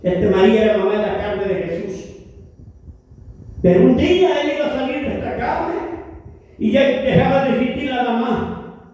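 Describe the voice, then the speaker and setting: A high-pitched man delivers an emphatic church sermon, swinging into loud shouts and tossing in brother and hallelujah. He is heard from well back in a large, reverberant hall. The sound is roomy and distant. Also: normal speed, pauses often, highs cut off. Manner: emphatic, bursts into shouting, peppers speech with "hermano" and "aleluya". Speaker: preacher. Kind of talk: evangelistic sermon. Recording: echoey hall, voice from far off the mic.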